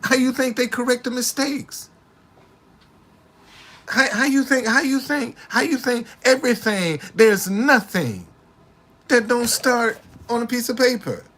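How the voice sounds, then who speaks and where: Speaking in a very high voice at an unhurried pace, a man in his late sixties addresses the camera casually. He has a slangy street swagger and keeps repeating himself in indignant, animated replies.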